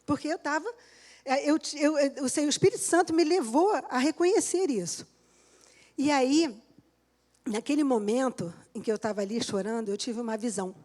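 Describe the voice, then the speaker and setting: A woman's voice: sits high, moderate pace, darkish tone. A middle-aged woman pastor preaching a sermon in church, telling a personal testimony and laughing often as she talks to the congregation.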